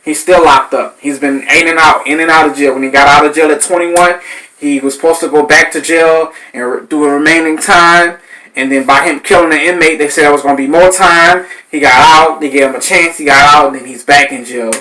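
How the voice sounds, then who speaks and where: A man, hosting a podcast and telling stories in a loose, animated way, cursing and acting out voices. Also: fairly high pitch, a little fast, rough recording. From New Orleans, Louisiana. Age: 30s. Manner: animated, swearing, acts out voices in his stories. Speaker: podcast host. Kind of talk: casual storytelling.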